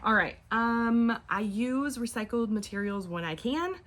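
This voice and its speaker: A woman's voice: on the high side, lively intonation, a little slow, a bit bright. A woman in her forties chatting casually at home while packing orders, rambling and often trailing off mid-thought. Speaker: online clothing reseller.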